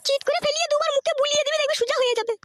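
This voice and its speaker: A woman's voice: very high voice, very fast, background noise. A woman voicing a bossy, crude mother from a village in a cartoon, scolding and giving blunt advice. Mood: advising. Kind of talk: cartoon voice acting.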